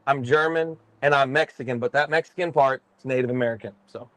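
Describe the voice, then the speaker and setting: Speaking fast at a medium pitch, this man has a fairly bright tone, and the recording carries no room sound. He's a middle-aged Texan on a podcast as a guest musician, rambling through self-deprecating stories in relaxed conversation.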